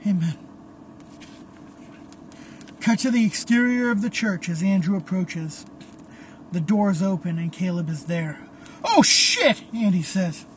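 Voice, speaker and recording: A storyteller narrating a violent horror scene in a slow, deliberate, hushed reading. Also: mid-range voice, slight background noise.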